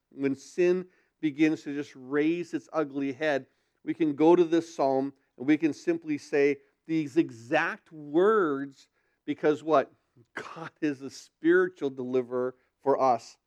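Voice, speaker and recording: At a pulpit microphone, a male pastor teaches a sermon to his congregation, posing rhetorical questions and then answering them himself. His voice is a little high and a little mellow.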